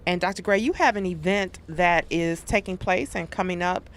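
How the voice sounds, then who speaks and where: A woman's voice: lowish voice, normal speed. A woman hosting a community radio show, interviewing her guests in an informal, conversational way.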